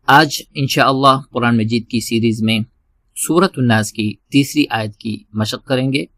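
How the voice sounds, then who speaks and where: A patient male teacher explains recitation at a measured pace and a middling pitch. He repeats each word several times and lifts into long, drawn-out chanted lines. The recording is close and dry. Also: fairly bright tone, dry recording. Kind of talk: step-by-step recitation lesson.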